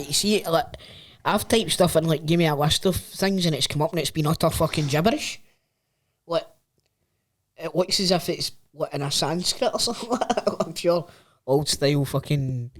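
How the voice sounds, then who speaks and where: Higher-pitched Scottish man, casual banter. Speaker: podcast host.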